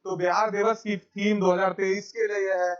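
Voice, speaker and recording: A man's voice: high-pitched, little pitch movement, moderate pace, smooth, lo-fi sound. A man giving a current affairs exam lecture over slides, repeating key facts and calling his viewers friends. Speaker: exam coaching teacher.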